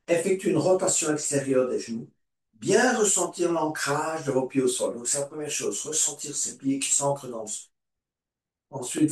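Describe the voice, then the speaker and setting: A man teaching a morning yoga class, giving calm, encouraging cues and repeating them slowly. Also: fairly high pitch. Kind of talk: guided yoga class instruction. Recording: echoey room, voice far from mic.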